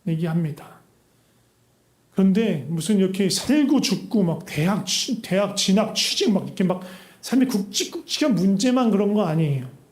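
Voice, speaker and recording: Male pastor, high mellow voice, earnest sermon full of rhetorical questions, echoey church sanctuary. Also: very animated, moderate pace.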